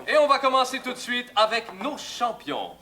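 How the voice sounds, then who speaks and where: A man's voice: very high voice, very animated, moderate pace, bright, forceful tone, exaggerated voice. A man playing a chipper male TV game show host with a Québécois accent, in a comedy sketch parody, with a bouncy, exaggerated showman delivery.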